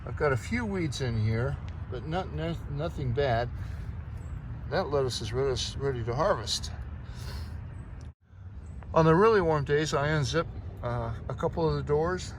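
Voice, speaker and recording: An American man vlogs from his home garden, giving informal, down-to-earth explanations in an animated, slightly high voice. He takes his time and leaves long pauses, and passing traffic plus outdoor ambience make the audio noisy.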